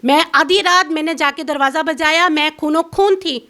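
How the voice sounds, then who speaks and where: Bitter, accusing high-voiced woman. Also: bright, forceful tone. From Pakistan. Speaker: interview guest. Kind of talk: emotional complaint in an interview.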